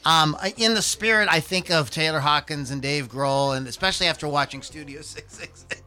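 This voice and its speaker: A man's voice: a little high, fairly quick, sharp tone, clear, resonant tone. A man hosting a podcast in an informal, rambling, chatty way with music playing behind him. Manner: informal, rambling, self-deprecating. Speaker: podcast host. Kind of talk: casual podcast chat. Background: background music.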